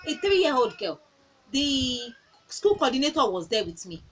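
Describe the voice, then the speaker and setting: A woman's voice: high voice, very animated, unhurried, slightly rough, poor audio. A woman in her thirties giving earnest parenting advice in a casual talk. She repeats phrases and tells stories from her own home.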